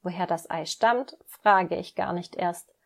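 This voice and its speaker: Calm mother duck for an audio storybook, instructive and patient, voiced by a woman. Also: lowish voice, a little slow, creaky.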